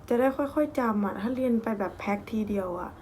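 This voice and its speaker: A woman's voice: fairly high pitch, quick pace, a little mellow, slight background noise. A young woman chatting casually in a home vlog, thinking aloud and joking about herself. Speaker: vlogger.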